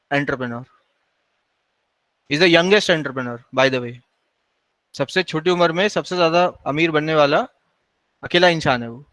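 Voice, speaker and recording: Slow-talking scolding male lecturer. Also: fairly high pitch, a bit bright, no room sound, low-quality recording. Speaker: university lecturer. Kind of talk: classroom lecture in mixed Hindi and English. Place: classroom.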